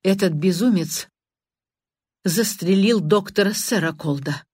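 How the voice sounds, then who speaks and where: A woman's voice: mid-range voice, a little slow, darkish tone, breathy edge, no echo, clean studio sound. A woman doing a tearful indignant woman. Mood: upset, insistent. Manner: insistent, tearful.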